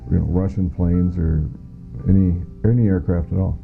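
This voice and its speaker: With a steady tone and some vocal fry, a middle-aged American man speaks low at normal speed, giving his witness testimony in an interview. He used to work as an air traffic controller and talks in a plain, matter-of-fact way. Soft music runs under muffled lo-fi sound.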